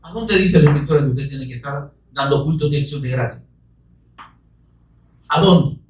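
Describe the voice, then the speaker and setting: A man delivers a fervent sermon, swinging into shouts and pressing his listeners with questions. He sounds set back from the microphone. The room rings with echo around him. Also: a little high, normal speed, far from the mic, slight background noise. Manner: fervent, bursts into shouting, pleads with rhetorical questions. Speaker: preacher. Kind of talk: evangelical sermon.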